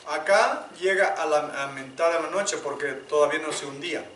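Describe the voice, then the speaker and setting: A man preaching a sermon as pastor, moving between loud appeals and hushed prayer. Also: fairly high pitch, normal speed, a little hiss or hum. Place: church sanctuary. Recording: echoey church room, mic at a distance.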